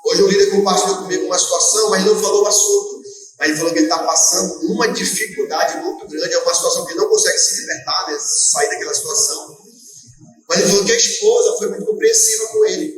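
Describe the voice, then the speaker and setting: A man preaching a sermon at a church service, animated, moving between shouts and quiet asides. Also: high-pitched, fast talker, crowd noise. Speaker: apostle preaching. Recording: very echoey church hall, mic at a distance.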